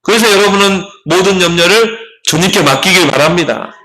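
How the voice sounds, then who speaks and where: A man preaches a sermon as a pastor, his voice pitched high and ringing bright. He drives each point home with rhetorical questions. When he recites scripture, he slows down to deliver it deliberately. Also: low-quality recording.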